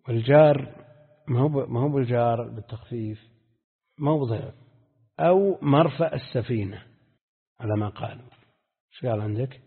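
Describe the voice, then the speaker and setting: Husky sheikh teaching in an echoey hall. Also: male voice, mid-range voice. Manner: explains by repeating verse lines and questioning students. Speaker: sheikh teaching hadith terminology. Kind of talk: classical lesson commentary. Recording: tinny phone-like audio with long reverb.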